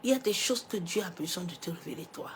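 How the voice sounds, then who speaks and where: Coughing through a cold, a woman pastor preaches in a lowish, expressive voice at a quick clip, with a slight hiss or hum audible. She swings between emphatic, loud declarations and soft, near-whispered asides, adding brief rhetorical interjections.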